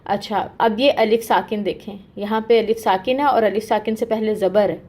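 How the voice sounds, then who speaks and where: During an online Quran recitation class, a woman speaks at normal speed in a medium-pitched, darkish voice with fairly even intonation. She explains patiently step by step, checking in with "okay" and stretching the sounds she models.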